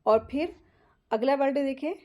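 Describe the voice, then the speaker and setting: A woman teaching Quran recitation rules step by step, drawing out each recited word slowly and pausing to check in with her listeners. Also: high voice, darkish tone. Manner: often checks in with short asides. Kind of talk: tajweed lesson, explaining pronunciation rules.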